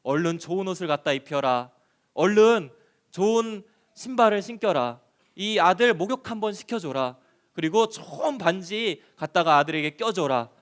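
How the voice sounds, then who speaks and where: Overjoyed loving father, loud and exclaiming, voiced by a man in a told Bible story; high, clear voice. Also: lively intonation, normal speed. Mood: commanding. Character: overjoyed loving father, welcoming his son.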